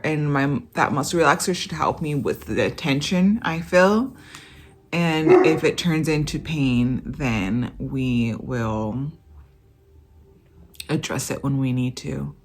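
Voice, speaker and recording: Woman, low voice, slow pace, casual vlog, tired, halting, soft-spoken. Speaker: vlogger. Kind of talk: casual vlog talk to camera.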